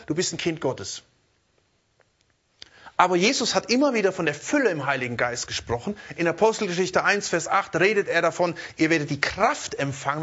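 A man preaching a sermon in a lively way, often checking in with his listeners and repeating words as he searches for the next one. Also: a little high, breathy edge, dull audio.

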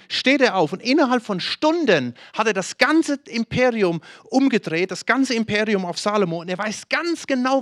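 A man's voice: high voice, fairly bright tone, dry recording, studio quality. A man preaching a sermon with urgency, challenging listeners directly and acting out the voices of their excuses.

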